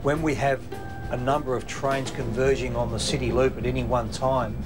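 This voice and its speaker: A middle-aged Australian train driver talking casually from his cab, halting now and then with fillers. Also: medium pitch, flat delivery, music in the background. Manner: plain-spoken, halting with fillers. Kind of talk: casual documentary interview.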